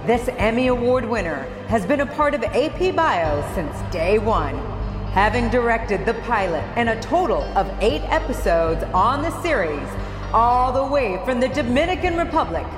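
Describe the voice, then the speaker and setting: A woman calls out a guest's introduction in a showy, drawn-out ring-announcer style. Her fairly high voice swings widely in pitch. It echoes through a large hall while clear music plays behind. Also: sing-song.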